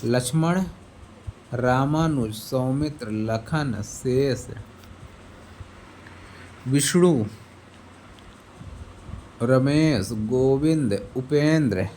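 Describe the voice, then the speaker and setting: In a warm, mid-range voice, a man teaches an exam-prep Hindi lesson, slowly reading out lists of synonyms one word at a time and putting quiz questions to the class. There's slight background noise.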